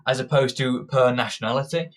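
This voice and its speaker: A young British man, a political commentator, delivers an opinionated monologue at a medium pitch and a slightly fast pace. He's combative and ranting, frequently restarting his sentences.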